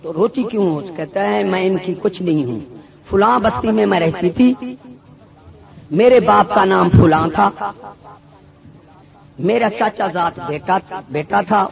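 High gravelly-voiced man preaching. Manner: emphatic, voice swings loud and soft while telling stories. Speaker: Sufi preacher. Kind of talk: sermon with storytelling. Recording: dull lo-fi recording with a loud crowd.

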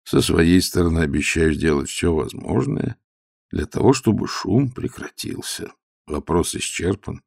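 A man voicing a dignified elderly retired rear admiral who speaks quietly and with calm composure. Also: low voice, unhurried, vocal fry, no echo, clean studio sound, exaggerated voice.

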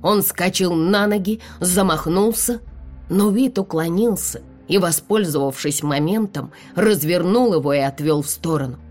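Low-voiced woman reading an audiobook. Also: moderate pace, faint music behind. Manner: expressive, dramatic reading. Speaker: audiobook narrator. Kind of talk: first-person audiobook narration.

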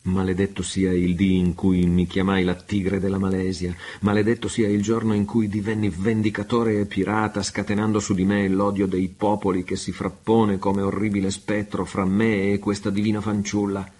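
A man's voice: low-pitched, little pitch movement, normal speed, darkish tone, slightly rough. A man reading aloud the lines of a passionate pirate captain, grieving and defiant. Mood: anguished. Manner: impassioned, declamatory.

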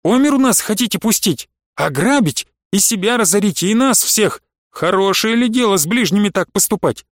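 A man's voice: sits high, normal speed, no room sound, clean studio sound. A man voicing a wily older merchant who haggles, pleads and blusters. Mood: indignant. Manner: bargaining, pleading, bursts of shouting.

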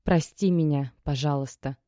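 A woman reading an audiobook and voicing a guilty young woman who speaks quietly and apologetically. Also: low-pitched, normal speed, no echo, clean studio sound, lightly acted. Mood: guilty, soft. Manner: quiet and conciliatory. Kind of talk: audiobook character voice.

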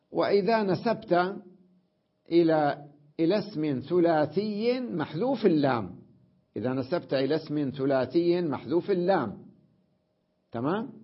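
A man teaching an Arabic grammar lesson, repeating words aloud and often pausing to check that students follow. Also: on the high side, slightly rough. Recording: dull lo-fi lecture recording.

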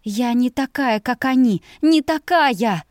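A woman's voice: a little high, animated, takes it slowly, no echo, clean studio sound, pitched above the performer's own voice. A woman voicing a desperate young woman, crying out in terror and sobbing pleas. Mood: anguished screaming.

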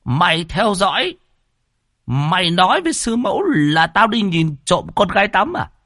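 A man voicing a hot-tempered old martial master who yells curses and threats. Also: sits high, sing-song, moderate pace, no room sound, clean studio sound, voice pushed up, exaggerated voice. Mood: furious shouting.

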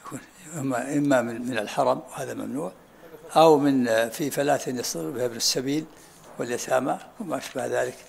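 A man teaching a study circle as sheikh, explaining texts at an unhurried pace and often asking students to repeat what they said. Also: mid-range voice, creaky. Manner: unhurried, often asks "ha?" to have things repeated. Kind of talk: lesson commentary with questions and answers.

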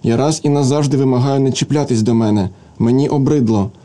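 A man reading a story aloud, voicing a proud, hot-tempered young woman office clerk with sharp, indignant retorts. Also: medium pitch, fast, natural voice.

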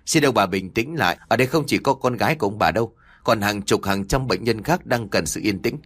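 A measured middle-aged doctor in an audio story, as a male narrator plays him. He speaks calmly and briskly, with a husky voice. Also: on the low side.

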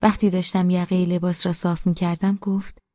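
A woman's voice: fairly low pitch, little pitch movement, warm tone, no room sound, lo-fi sound. A woman narrating a first-person audiobook with a wry, self-deprecating storytelling manner.

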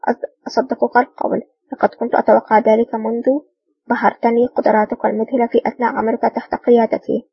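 Woman reading an older ambassador: formal, friendly, husky, set back from a dull mic. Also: fairly high pitch, level tone, fast talker, dry recording. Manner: courteous, formal. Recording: dull distant dry recording.

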